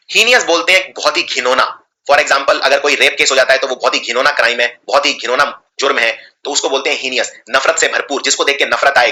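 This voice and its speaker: Bright-voiced man teaching a spelling lesson. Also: medium pitch. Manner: explains slowly, spells words letter by letter. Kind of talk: spelling lesson for exam students.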